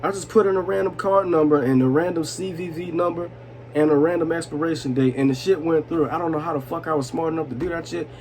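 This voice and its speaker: A man's voice: a little high, fast. A man in his twenties telling personal stories in a casual, profane, slangy way, tipsy and rambling with chuckles. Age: 20s. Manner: slangy, repeats "you know what I'm saying". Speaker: storytelling vlogger. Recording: noisy room with steady background noise.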